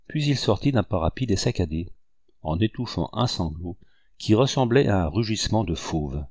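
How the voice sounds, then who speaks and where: A man narrating a historical novel aloud in a measured, even reading. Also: sits low, no echo, studio quality. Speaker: audiobook reader. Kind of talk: scripted narration.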